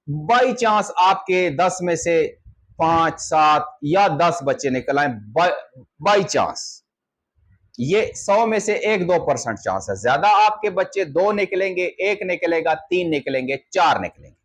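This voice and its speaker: A man's voice: high-pitched, muffled recording. A man from Pakistan, hosting a poultry channel and talking casually to camera, explaining step by step and checking in with his listeners often. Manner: conversational, explaining step by step with frequent check-ins.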